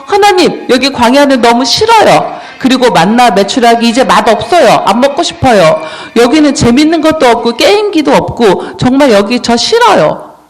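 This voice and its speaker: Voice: medium pitch, very animated, normal speed, voice pushed up, lightly acted. A preacher putting on a whiny complaining desert traveler. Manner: whining, pleading. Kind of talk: children's sermon acting.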